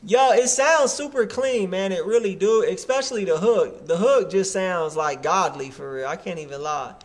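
A man in his thirties hosting a music review stream, reacting in casual, animated street slang. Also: sits high, moderate pace. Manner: hyped, animated, full of slang like bruh. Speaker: host of a music review livestream.

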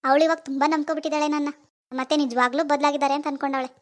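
High quick woman doing a sly older mother-in-law, sighs a lot, fakes being sweet in a cartoon. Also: steady tone, natural voice. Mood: scheming. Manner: sighing, wheedling, then sly and scornful. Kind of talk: animated family drama voice acting.

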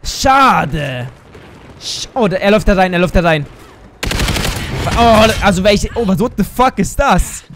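A man giving live commentary on a shooter game, excitable, exclaiming and cursing as he plays. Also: high voice, a little slow, long pauses, a little hiss or hum. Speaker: gaming YouTuber. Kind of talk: live let's play commentary.

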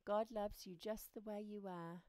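A woman reading a children's picture book aloud, expressive, often dropping to a soft hush. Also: medium pitch, unhurried, no room sound. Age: adult. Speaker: reader.

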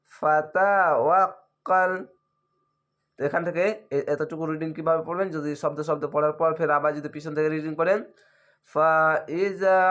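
A man teaching Quran reading, drawing out each word slowly in a chant, then explaining the rules in quick plain speech. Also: a little high. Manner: drawn-out chanting of words between quick explanations. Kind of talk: slow spelled-out recitation lesson.

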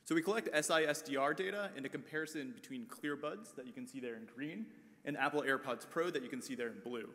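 A man's voice: mid-range voice, fast, a bit bright, in a large hall. A man presenting research results at a conference, walking through figures step by step with light filler words. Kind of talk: prepared research talk.

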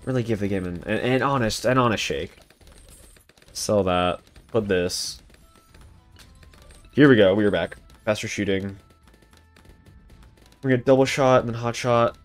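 Over soft background music, a young man with a fairly low voice speaks a little slowly, leaving long pauses. He's live-streaming a co-op tower defense game, chatting loosely with chat and friends, heavy on fillers like "like" and frequently restarting.

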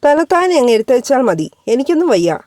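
A woman's voice: high voice, very animated, quick pace, darkish tone, no echo, studio quality, voice pushed up. A woman doing a cheeky, teasing young woman.

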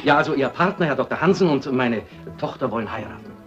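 A blustering rich father in his later years, played by an actor. He talks quickly, with a lively pitch that rises and falls as he pleads and schemes. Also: highs cut off, soft background music, close to an everyday voice. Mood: formal, scheming. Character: pompous wealthy industrialist father, older man. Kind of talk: 1960s film comedy acting.

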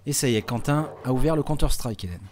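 A man's voice: medium pitch, quick pace, darkish tone, a little hiss or hum. A man giving live bowling commentary, chatty and explanatory, with many small fillers. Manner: chatty, explanatory, with frequent hein and euh fillers.

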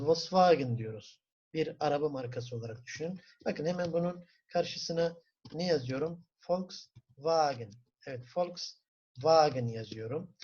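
A man with a Turkish accent teaching a German class, asking the students questions, answering them himself and repeating words slowly for pronunciation. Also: on the high side, a little mellow, slightly rough. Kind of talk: classroom lesson. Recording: dull lo-fi recording.

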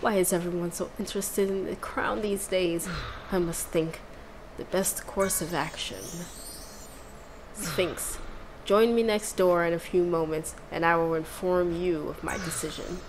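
A woman voicing a tired, formal city mayor, reading his lines in a measured way. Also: on the low side, steady tone, noisy background, natural voice. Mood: solemn. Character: weary, formal city mayor, older man. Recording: game music underneath.

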